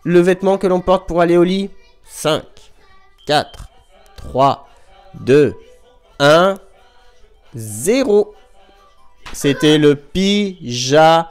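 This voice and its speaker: A man who is a primary school teacher, giving a remote lesson to young children at home, speaking slowly and clearly, sounding out syllables and counting down before each answer. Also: on the high side, lively intonation, faint music behind. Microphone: microphone in front of a camera.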